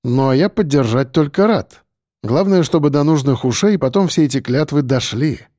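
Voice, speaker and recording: A man reading a first-person story aloud with calm storytelling. His voice is mellow and moves freely in pitch, and the recording is close and dry. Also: normal speed, no echo. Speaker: narrator. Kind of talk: first-person audiobook narration.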